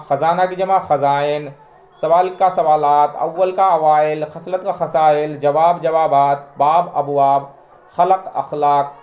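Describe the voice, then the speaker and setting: A man teaching a spoken grammar lesson, reading out word pairs one by one and repeating them slowly and deliberately for learners. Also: on the high side, darkish tone, echoey room. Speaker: language teacher.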